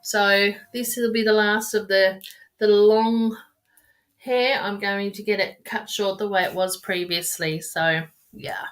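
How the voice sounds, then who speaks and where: A woman's voice: medium pitch, steady tone, takes it slowly, slight background noise. A woman giving casual tarot readings on a live stream, chatty and affectionate, rambling and restarting her sentences as she talks to viewers. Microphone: webcam or phone mic on a live stream.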